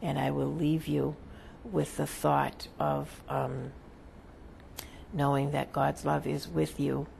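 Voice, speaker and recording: A seance medium delivering a solemn spiritual message as a channeled spirit, in a creaky voice with halting, deliberate, formal phrasing. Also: medium pitch, little pitch movement, a little mellow, slight background noise, rough recording.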